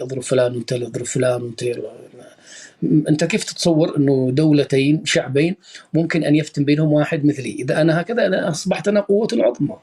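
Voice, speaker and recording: Man, live-stream host, rapid delivery, higher voice, emphatic lecturing. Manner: calming then lecturing, emphatic.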